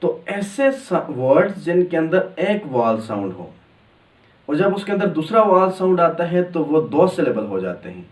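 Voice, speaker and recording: A man's voice: on the high side, big pitch swings, a little mellow. Male teacher, patient step-by-step explainer, distant mic in a roomy space. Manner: explains step by step, drawing out example words slowly. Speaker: English teacher. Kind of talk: grammar lesson. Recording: echoey room, distant mic.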